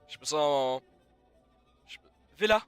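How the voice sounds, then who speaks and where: Streamer, scared and flustered in a horror game; animated, forceful voice, casual live reactions. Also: mid-range voice.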